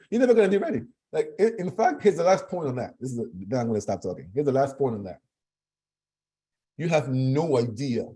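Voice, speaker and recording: A man's voice: mid-range voice, dark tone, breathy edge. A man from Cameroon speaking as a guest, earnest and emphatic, often repeating his phrases. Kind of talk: conversational talk.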